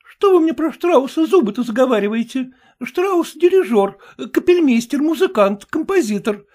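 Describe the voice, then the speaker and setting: A man putting on a shrill, squeamish, bossy wife. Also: lively intonation, normal speed, a little mellow. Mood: indignant. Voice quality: shrill, high-pitched. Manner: indignant, quarrelsome.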